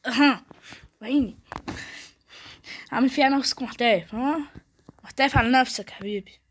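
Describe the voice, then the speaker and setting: A young woman with an Egyptian Arabic accent giving live gameplay commentary, excitable and trash-talking in short bursts. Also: high voice, a little fast. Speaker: gaming streamer.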